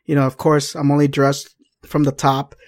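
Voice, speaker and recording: A man's voice: fairly high pitch, completely flat delivery, moderate pace. A man telling a story in casual chat, swearing and laughing often, switching between English and Spanish. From Mexico.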